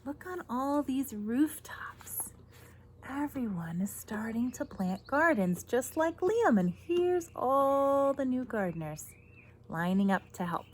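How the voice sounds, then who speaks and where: Outdoors in a garden, a woman in her thirties reads a picture book to young listeners like a teacher, stressing key words and adding asides about the pictures. Her high voice is animated and slow-paced, and there is slight background noise.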